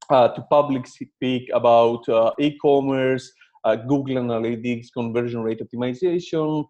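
A man's voice: mid-range voice, warm tone, dull audio. A man in his thirties from Greece, a guest on a podcast, telling his story with plenty of fillers and restarts and Greek as his first language. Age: 30s. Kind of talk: casual interview.

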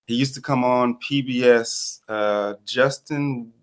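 A young man from Georgia, a restaurant founder talking as an interview guest, hesitant and full of pauses and fillers. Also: mid-range voice, steady tone, clean tone. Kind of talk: casual interview chat.

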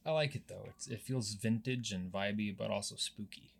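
A man's voice: on the low side, moderate pace, vocal fry, breathy edge. A young man co-hosting a podcast and chatting casually as a teacher, meandering and hesitant, with many fillers and restarts. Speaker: podcast co-host, high school teacher.

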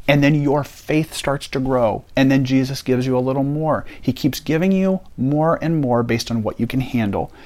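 A man teaching a Bible passage on a podcast in an earnest, conversational way, stressing key points by repeating them. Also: medium pitch. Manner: earnest, animated, emphatic repetition.

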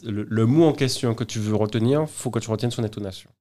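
A man's voice: fairly low pitch, fast, dark tone. A man speaking as an interview guest in casual conversation, often stumbling over and repeating words as he explains. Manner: hesitant, many repeated words and restarts.

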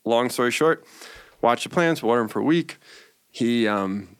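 A man's voice: medium pitch, expressive, normal speed, clear, resonant tone. A man in his forties telling his story as an interview guest, rambling with fillers and restarts. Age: 40s. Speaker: interview guest, cannabis business owner.

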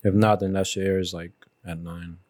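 A man's voice: deep voice, little pitch movement, normal speed, darkish tone, no room sound. A man chatting casually in offhand, blunt slang with some swearing.

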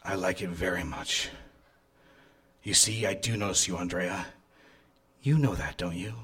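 In a live radio drama, an actor plays a controlling, smooth-talking boss who courts his employee in a deliberate, coaxing manner. His voice is low-pitched and a bit bright.

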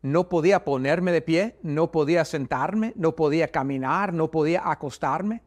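A man giving a personal religious testimony, speaking haltingly with many repeated words and restarts, his voice rising when he recalls his anguish. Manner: voice rises higher and louder when recalling anguish.

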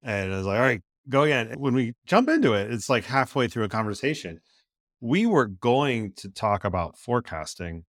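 A man's voice: fairly low pitch, sing-song, moderate pace, no room sound, studio quality. A man co-hosting a podcast in casual, joking chat. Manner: joking, playful, quotes people in put-on voices. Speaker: podcast co-host.

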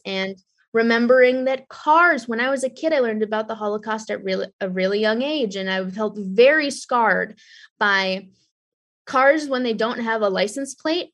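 A woman's voice: medium pitch, fairly bright tone. Chatty young woman artist, laughing often. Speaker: artist guest. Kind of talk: conversational interview answers.

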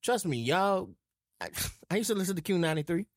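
A man from New Orleans telling animated, profane stories in casual podcast chat. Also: high-pitched, brisk, no echo, studio quality.

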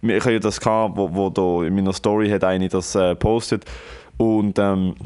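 A man's voice: fairly low pitch, fairly even intonation, normal speed, darkish tone, clear, resonant tone. A man, co-hosting a casual podcast, ranting brashly and swearing often. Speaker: podcast co-host. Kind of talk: casual chat.

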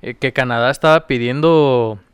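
Slangy Mexican man, smooth voice. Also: medium pitch, normal speed. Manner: slangy, swears a lot, says güey constantly. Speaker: podcast co-host. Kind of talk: casual chat.

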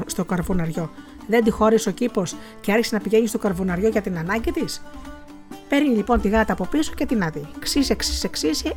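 Woman reading a story over music. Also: mid-range voice. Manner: lively, with small slips and restarts. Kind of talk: reading aloud from a novel.

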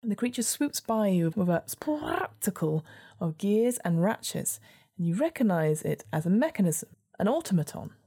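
A woman's voice: mid-range voice, very animated, normal speed, warm tone, slightly rough. A woman narrating a gamebook adventure in a storybook reading style, with casual asides as host.

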